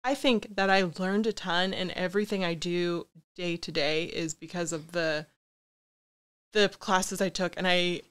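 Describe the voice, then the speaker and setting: A woman talking as a guest on a casual podcast, with a slightly low voice. She speaks candidly and reflectively, with a self-deprecating edge. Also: steady tone, a little slow, a bit bright, smooth. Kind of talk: casual conversation.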